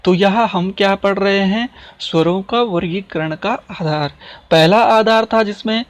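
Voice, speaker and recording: A man's voice: high voice, unhurried. Man teaching, quizzing himself aloud. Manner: repeats terms, asks and answers his own questions; checks in with "ठीक है" often. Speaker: Hindi grammar teacher. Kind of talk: classroom-style explanation lesson.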